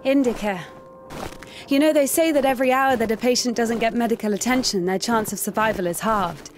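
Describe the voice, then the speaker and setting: Actress voicing a stammering young nun. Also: female voice, fairly high pitch, a little fast, lightly acted. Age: young adult. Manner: stammering, hesitant. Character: young nun, nervous and earnest. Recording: game audio with music.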